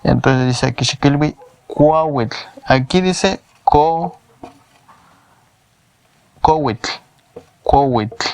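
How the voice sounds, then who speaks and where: A man's voice: medium pitch, takes it slowly, a little mellow, clear, resonant tone. A man with a Mexican Spanish accent gives a patient whiteboard language lesson, repeating words syllable by syllable. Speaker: language teacher. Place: home in a shared housing block.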